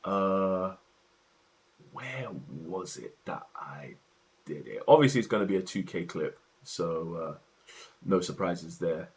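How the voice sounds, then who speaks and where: A man's voice: low voice, expressive, takes it slowly. A young man chatting casually on his livestream, slang-heavy and talkative, in his home office.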